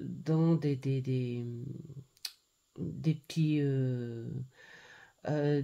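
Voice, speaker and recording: A middle-aged woman talks slowly through a casual card-deck review at home. Her voice sits low and mellow, and she stops and starts with many fillers. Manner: hesitant, full of "euh" fillers and restarts. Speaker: tarot and oracle card vlogger. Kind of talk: casual unboxing and review chat.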